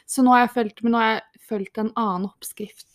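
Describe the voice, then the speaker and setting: A woman chatting casually in short, relaxed replies. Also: fairly high pitch, no echo, clean studio sound. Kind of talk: casual chat.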